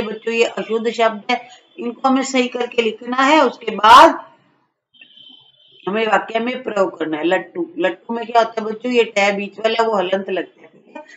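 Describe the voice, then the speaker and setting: A woman's voice: on the high side, a bit bright. A woman teacher going through a homework worksheet for young children, repeating words and correcting their spellings. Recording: dull lo-fi voice-over.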